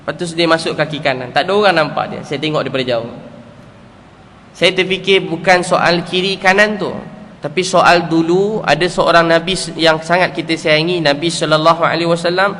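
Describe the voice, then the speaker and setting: A man's voice: on the high side, fairly bright tone. A middle-aged man with a Malaysian accent preaching a sermon to a congregation. He tells earnest stories, repeats key phrases and asks rhetorical questions. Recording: echoey hall, faint background noise.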